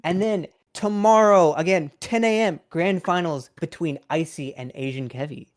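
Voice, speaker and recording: A young adult hosting an esports tournament stream, upbeat and quick to laugh. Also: mid-range voice.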